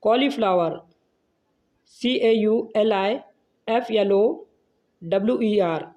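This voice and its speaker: Teacher voice, very slow and deliberate, spells words out letter by letter, mid pitch. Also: darkish tone. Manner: slow, measured, spells each word then gives its meaning.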